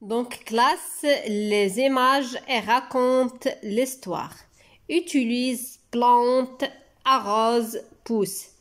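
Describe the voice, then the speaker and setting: A woman teaching a children's French lesson, slowly sounding out and repeating words syllable by syllable. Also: on the high side, steady tone. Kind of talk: slow French lesson for young children, explained in Arabic.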